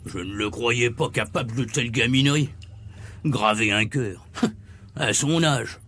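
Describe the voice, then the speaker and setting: Man putting on a gruff old bogeyman grandpa. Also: mid-range voice, measured pace, sharp tone. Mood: scornful. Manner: scolding, blustery, sneering. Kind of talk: storybook reading.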